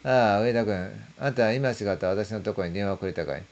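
A man's voice: on the low side, fast talker, a little mellow, lo-fi sound, lightly acted. A man voicing an anxious middle-aged actor who pleads urgently in a ghost story. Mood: puzzled.

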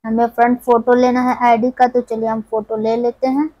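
A woman's voice: on the high side, level tone, normal speed, warm tone, dry recording, low-quality recording. A woman host from India walking viewers step by step through an app in a conversational tutorial voice-over. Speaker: tech tutorial channel host. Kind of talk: screen-recorded app tutorial.

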